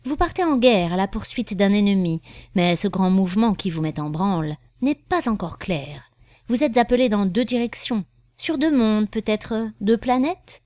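A woman voicing a man posing as a fortune-teller, smooth and persuasive as he reads the cards. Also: mid-range voice, lively intonation, moderate pace, a little mellow, no room sound, studio quality, close to an everyday voice.

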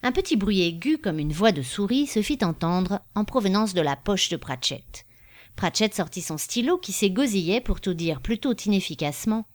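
A woman narrating a story in a measured, expressive reading style. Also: medium pitch.

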